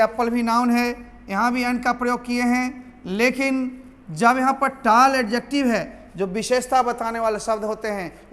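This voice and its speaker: A man's voice: very high voice, fairly bright tone, in a large hall. A man teaching a grammar lesson to students, repeating key points and calling them his children.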